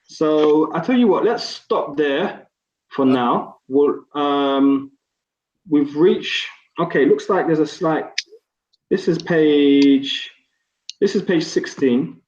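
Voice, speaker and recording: A fairly high-voiced man teaches an online Arabic class and walks students patiently through each point. His voice sits in an echoey room and the sound is slightly dull. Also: takes it slowly, a little mellow. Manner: patient, encouraging, explains step by step.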